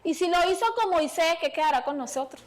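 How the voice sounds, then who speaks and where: A woman's voice: extremely high pitch, a little fast. A woman preacher giving a fervent sermon in a small church, calling out to the congregation and pleading with them.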